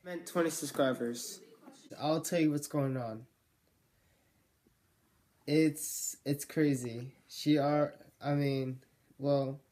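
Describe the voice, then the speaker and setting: Rambling young male vlogger, slow mellow voice. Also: medium pitch. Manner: rambling, self-correcting, jokey. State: losing his voice. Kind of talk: casual vlog monologue.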